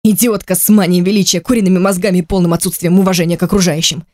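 A reader doing a coldly furious young man from an audiobook, spacing out each cutting word with deliberate weight. The voice sits close and dry, in a middle pitch. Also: steady tone, darkish tone, dry recording, close to an everyday voice. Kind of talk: audiobook character voice.

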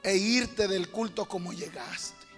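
A man preaching a sermon, often calling his listeners brothers and building to shouted, rhythmic repetition. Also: sits high, steady tone, slow, soft background music.

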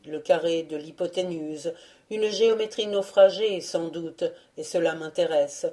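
A woman reading memoirs aloud as a volunteer audiobook reader, in a measured, wry way. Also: fairly low pitch, warm tone.

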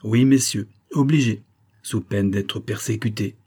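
A man's voice: fairly low pitch, measured pace, slightly rough. A man reading an audiobook, voicing a pompous middle-aged pharmacist who protests indignantly. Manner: indignant, protesting, shouting at workers. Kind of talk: audiobook character voice.

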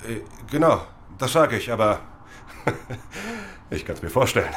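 An actor playing a cagey, roguish captain under questioning in a German radio crime drama, hesitant, sly and slangy. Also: male voice, lowish voice, big pitch swings, measured pace, fairly bright tone, a little hiss or hum.

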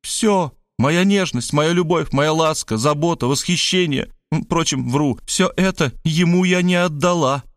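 Man doing a doting dramatic woman, high-pitched, gushing exclamations, dry audiobook sound. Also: unhurried, hardly any pauses, no echo, lightly acted. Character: pleading, theatrical middle-aged woman, doting and dramatic. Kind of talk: audiobook character voice.

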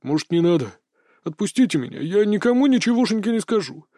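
A man's voice: high-pitched, big pitch swings, fast, warm tone, no room sound, studio quality, voice pushed up. Man doing a pleading young police sergeant. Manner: pleading, tearful.

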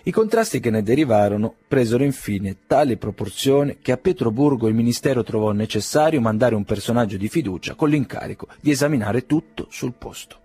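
Husky low-voiced male narrator. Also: darkish tone. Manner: measured, ironic storytelling. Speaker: audiobook narrator. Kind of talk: literary audiobook narration.

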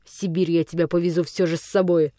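A woman voicing a coarse older male forest vagabond villain in an audiobook, with a rough, menacing, gloating voice. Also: on the low side, flat delivery, fast talker, mellow, dry recording, clean studio sound, voice pushed down, natural voice. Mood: hissing. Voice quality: rough, hoarse-edged voice. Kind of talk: audiobook character reading.

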